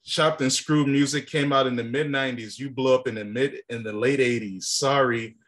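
A man's voice: medium pitch, steady tone, moderate pace, a bit bright. Argumentative young man debating rap. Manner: argumentative, talks over his partner, profane. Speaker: podcast co-host. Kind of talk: casual debate about rap.

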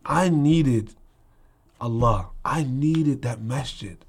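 A man with a medium-pitched voice talks as a guest in a conversation. He speaks from the heart and emphatically, pressing his points and often checking that he is understood. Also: slow pace, husky. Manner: emphatic, with repeated rhetorical check-ins. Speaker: interview guest.

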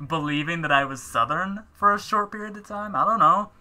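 A man's voice: high voice, fairly quick, sharp tone. A young man in casual chat, rambling through stories with lots of fillers and self-mockery. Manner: rambling storyteller, filler-heavy, self-mocking. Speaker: co-host.

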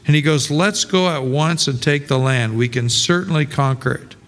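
A man's voice: on the high side, normal speed. Man preaching in a reverberant hall. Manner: conversational preaching with rhetorical questions and repetitions. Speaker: pastor. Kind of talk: sermon.

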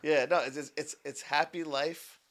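A man's voice: a little high, fairly even intonation, normal speed, a bit bright. A man in his twenties, a podcast guest in casual chat, talking animatedly, repeating himself and acting out what people say. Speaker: podcast guest, business founder.

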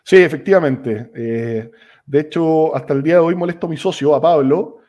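A young Chilean man with a Chilean accent, a startup co-founder talking casually as a guest, halting and restarting his sentences often. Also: a little high. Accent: Chilean Spanish. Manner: relaxed, halting, many restarts and fillers. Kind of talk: casual conversational interview.

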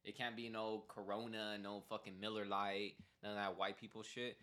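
A man's voice: lowish voice, level tone, moderate pace, pushed and bright. A young man hosting a casual podcast, chatting in loose, slangy banter with his friends. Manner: laid-back slangy banter. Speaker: podcast host. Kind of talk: casual chat.

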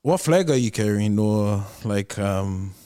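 A man hosting a podcast, asking loose, hesitant questions in a relaxed manner. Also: lowish voice, slow pace, clean tone, no room sound, studio quality. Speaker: podcast host. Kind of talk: casual podcast chat.

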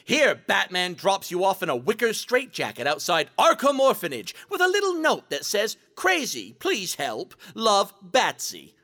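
Sardonic male rogue villain, bright forceful voice, slow theatrical drawl, audio drama. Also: sits high, wildly swooping pitch, heavily acted. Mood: scornful. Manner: dramatic, snide, drawn-out delivery. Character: theatrical, sarcastic, self-serving male rogue supervillain.

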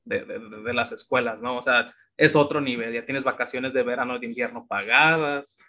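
A Mexican man in his thirties talks through his past as an interview guest. His voice is bright and forward, and he keeps a loose, chatty flow full of little fillers. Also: mid-range voice, normal speed. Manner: relaxed storytelling with many fillers. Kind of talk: casual interview chat.

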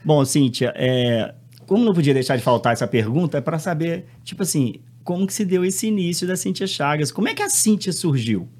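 A man's voice: on the high side, lively intonation, a little fast, darkish tone. A middle-aged man with a Brazilian accent, hosting a podcast in a casual, informal style. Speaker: podcast host.

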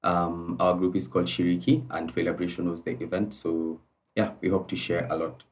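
A man from Kenya answering as a podcast guest in a polite, hesitant, measured way, recorded at some distance from the mic. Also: deep voice, little pitch movement. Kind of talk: conversational interview answers.

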